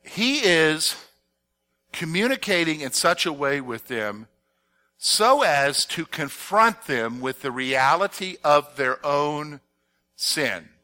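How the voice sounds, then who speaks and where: A man teaching a Bible passage as a pastor, animated and posing fill-in-the-blank questions to his listeners. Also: fairly high pitch, slow pace. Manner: animated, asks the audience to fill in words. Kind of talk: expository sermon with audience questions.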